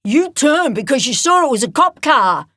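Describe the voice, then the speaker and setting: A woman's voice: very high voice, lively intonation, a little slow, fairly bright tone, no room sound, studio quality, pitched above the performer's own voice, exaggerated voice. A woman voicing an agitated teenage boy who holds a rifle, frantic and accusing. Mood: seething.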